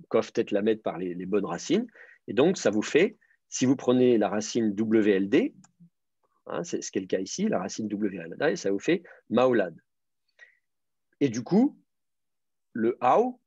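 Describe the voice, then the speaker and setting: Husky, hesitant male teacher, dry sound. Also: on the low side, big pitch swings, unhurried, a little mellow, no room sound. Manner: hesitant, many fillers and repeated words, patient explaining. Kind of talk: explanatory online class lecture. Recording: dry, slightly dull lo-fi sound.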